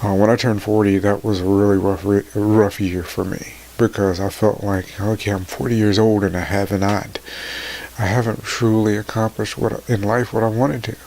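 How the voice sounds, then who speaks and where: Man, forties, tearful, halting personal talk, gravelly, low-pitched. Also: flat delivery, a little mellow, slight background noise. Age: 40s. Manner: slow, halting and tearful, voice dropping to near whispers. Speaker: motivational vlogger. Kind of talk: emotional personal talk to camera.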